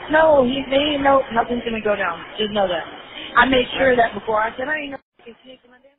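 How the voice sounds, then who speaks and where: A woman's voice: a little high, quick pace. A woman inmate talking on a recorded jail phone call, blunt, rambling and profane. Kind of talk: casual phone chat. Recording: tinny noisy jail phone line.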